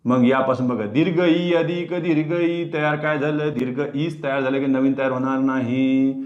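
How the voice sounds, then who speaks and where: A man's voice: mid-range voice, fairly even intonation, moderate pace. A man teaching a grammar lesson online, explaining step by step and asking his students questions. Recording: dull, roomy sound.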